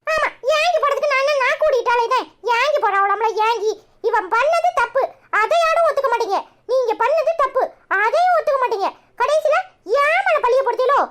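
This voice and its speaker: A woman voices an indignant little village girl for a cartoon, using a Kanyakumari Tamil accent and sharp, sarcastic, argumentative comebacks. The girl comes across as feisty and stubborn, and the voice is extremely high with lively intonation at a fairly quick pace.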